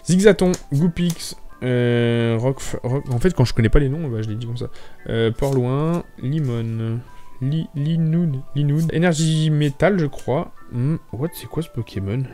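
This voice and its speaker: Excitable young Frenchman, mellow voice. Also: medium pitch. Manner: excitable, stumbles over words, talks to viewers. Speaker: YouTuber opening card packs. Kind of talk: casual excited chat.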